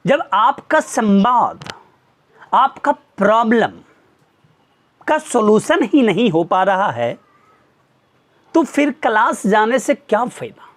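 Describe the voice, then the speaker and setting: Slow, lively teacher lecturing students. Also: male voice, sits high. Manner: earnest, hammering rhetorical questions. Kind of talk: motivational talk to students.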